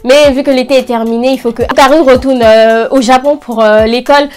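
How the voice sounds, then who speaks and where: A woman's voice: sits high, steady tone, fairly quick, smooth, faint music behind. A young woman talking casually and slangily as an enthusiastic anime fan, recommending things to her video audience. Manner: informal youth slang. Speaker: anime review channel host.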